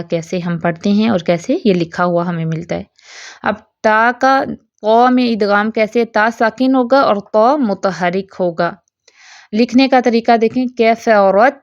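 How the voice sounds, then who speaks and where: Patient higher-voiced teacher woman, dry lo-fi. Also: dry recording. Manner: explains patiently, repeats checks, recites examples slowly. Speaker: Quran recitation teacher. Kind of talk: online tajweed lesson. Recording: dry, slightly dull lo-fi recording.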